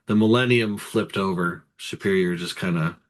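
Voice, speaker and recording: A man's voice: deep voice, moderate pace. A man runs through sports records and figures. He sounds matter-of-fact, listing details one by one in casual commentary. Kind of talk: casual sports talk with statistics.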